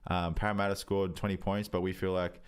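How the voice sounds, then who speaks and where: A man's voice: sits low, little pitch movement, brisk, clear, resonant tone. A young Australian man in his twenties chatting casually on a podcast, rambling with lots of fillers and swearing. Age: 20s. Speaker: podcast co-host, rugby league player. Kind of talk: casual chat.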